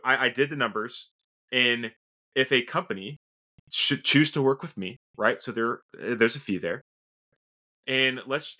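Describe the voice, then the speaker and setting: A man hosts a casual interview, his voice bright and forceful. He talks fast and eagerly, piling up points until he runs low on breath. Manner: excited, rapid, talks himself out of breath. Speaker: podcast host.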